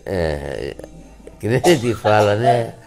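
A man's voice: on the low side, animated, slow, vocal fry, darkish tone. A very old man in his eighties with a Brazilian accent and an aged voice, chatting jokingly on a sofa as a grandfather on a live stream. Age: 80s. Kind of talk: casual joking chat. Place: living room sofa. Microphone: lapel mic.

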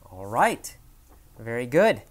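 A male English teacher retells a simple story as a lesson, with lively, dramatic shifts in pitch and loudness. He slows down on the key lines and pauses to fix his own slips as he explains the grammar. His voice sits at an ordinary middle pitch. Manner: thinks aloud with fillers and self-corrections.

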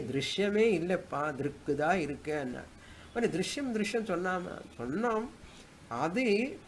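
A man's voice: on the high side, poor audio. A man with a South Indian accent teaching a scripture class, explaining didactically by asking and answering his own questions. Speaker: Vedanta teacher. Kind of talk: spoken scripture class with chanted Sanskrit verses. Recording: clear background noise.

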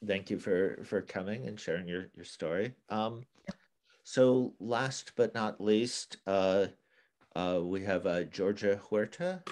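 Male moderator, very low voice, polite and halting, video call forum. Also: a little mellow.

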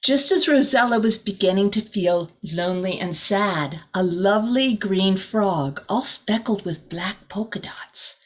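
Indoors in a small room, a middle-aged woman with a medium-pitched voice acts as a teacher reading a children's storybook aloud. She reads in an expressive, deliberate way and makes small asides to the listeners.

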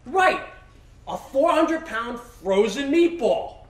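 A frazzled, rambling man, played by a stage actor in a live comedy, his voice pitched very high and swooping all over as he fumes. He sounds roomy and distant, picked up from across a theater stage with a faint hiss behind him. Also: very animated, slow pace, exaggerated voice. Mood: exasperated. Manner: exasperated, rambling, talking to himself. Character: flustered middle-aged man baffled by a giant meatball.

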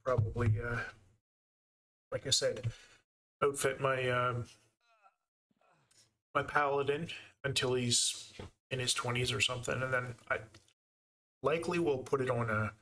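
A man's voice: medium pitch, steady tone, measured pace, pauses often, sharp tone. A man with a Canadian accent giving easygoing live commentary while he plays a game and thinks aloud. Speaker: game streamer.

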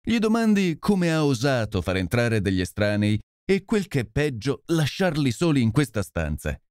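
A man voicing a sharp detective who gives firm, urgent orders. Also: mid-range voice, sing-song, normal speed, smooth, no echo, studio quality, voice pushed up, lightly acted. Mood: commanding, urgent. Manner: commanding, urgent. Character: sharp, commanding male detective.

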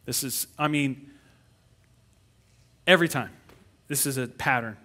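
A middle-aged man preaching a sermon as pastor, animated, breaking into whiny put-on voices when acting out complaints. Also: mid-range voice, measured pace.

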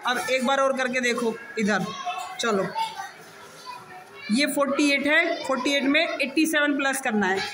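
In a busy classroom, a primary school teacher patiently walks her young pupils through things step by step, coaxing answers with questions. She speaks in a high voice at a measured pace with frequent pauses, and the recording is noisy.

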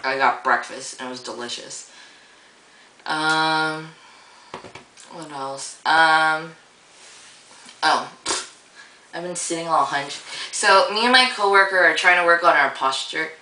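A woman's voice: low voice, slow, long pauses, bright, forceful tone, roomy sound, distant mic, slight background noise, poor audio. A young woman vlogging in a rambling, casual way, full of fillers and easy swearing, with a groggy morning voice. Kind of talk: casual vlog monologue.

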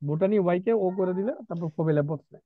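A man's voice: high voice, quick pace, no echo. A man teaching an online vocabulary class, drilling spellings and pronunciation with chatty asides. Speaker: English teacher. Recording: tinny dry online call.

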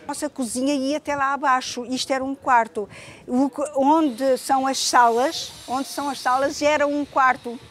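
A woman's voice: sits high, steady tone, moderate pace. An older woman fondly reminiscing in an interview, recorded outdoors in a courtyard. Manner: fond, reminiscing. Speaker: former resident.

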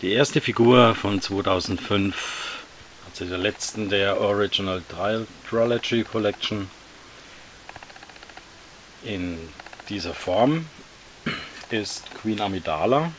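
A man casually reviewing action figures, talking in a relaxed, slightly halting way while he handles them. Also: fairly low pitch, a little hiss or hum.

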